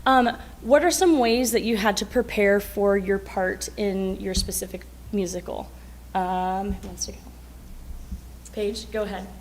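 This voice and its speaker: A woman's voice: mid-range voice, steady tone, measured pace, darkish tone, a little hiss or hum. A woman teacher speaks at a school board meeting in a mid-range voice. She is encouraging and draws children out with questions. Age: adult. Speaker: school music teacher presenting students.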